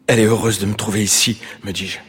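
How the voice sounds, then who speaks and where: An actor playing a quiet, sincere man calmly recounting a night, in a stage play. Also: fairly low pitch, slightly rough, big-room sound. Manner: measured, even storytelling.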